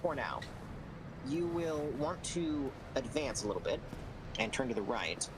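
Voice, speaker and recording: Guy walking a friend thru a game, patient explainer, medium pitch, very up and down intonation, noisy background. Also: big pitch swings. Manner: patient, explanatory, measured instructions. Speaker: guest guiding a gamer through a game. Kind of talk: casual game walkthrough chat.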